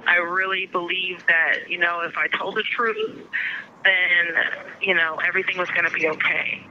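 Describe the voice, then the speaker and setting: Casting note: woman on a muffled prison payphone line, hesitant delivery, very bright, edgy voice. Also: on the low side, little pitch movement, moderate pace, a little hiss or hum. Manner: hesitant, leaning on "you know". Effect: prison payphone call. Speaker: incarcerated mother interviewed for a documentary. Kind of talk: documentary interview clip. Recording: dull lo-fi phone line.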